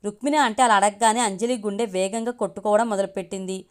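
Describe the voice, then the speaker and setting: A woman's voice: mid-range voice, steady tone, fast, darkish tone, smooth. Woman reading a love story aloud. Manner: reads all characters' dialogue in her own voice.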